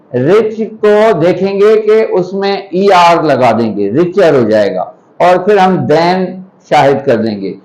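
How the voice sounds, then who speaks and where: A man's voice: high-pitched, a little mellow, rough recording. A man teaching an English grammar lesson, patiently explaining step by step with example sentences.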